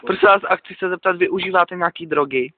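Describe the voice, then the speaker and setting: A man acting as a mock TV reporter, putting teasing, mock-formal questions to someone outdoors at night, recorded on a handheld camera. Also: high-pitched. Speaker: interviewer. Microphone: handheld camera mic. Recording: lo-fi noisy handheld camera audio.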